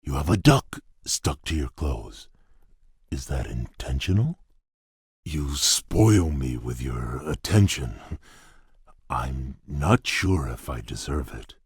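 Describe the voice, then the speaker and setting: A courtly fairy-tale beast prince for a video game, with a deep and heavily husky voice. He speaks slowly and formally, gruff yet shy and earnest. The sound is close and dry. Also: expressive, no room sound, full character voice. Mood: curious, wary. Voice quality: husky, deep, gravelly rumble. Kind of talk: video game character voice lines.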